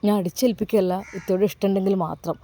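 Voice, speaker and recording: A woman's voice: medium pitch, steady tone, very fast, mellow, lightly acted. A woman voicing a kind, earnest young man who protects his brother's widow, with a Malabar Malayalam accent. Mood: earnest, firm. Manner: earnest, firm and reassuring.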